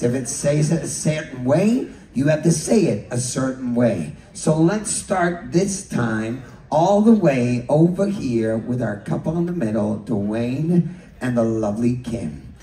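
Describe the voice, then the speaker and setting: A Scottish man, a cruise director, hosting a couples' game show for a live audience, teasing contestants, laughing and shouting punchlines. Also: mid-range voice, expressive, unhurried. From Scotland. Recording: echoey hall, distant mic, crowd noise.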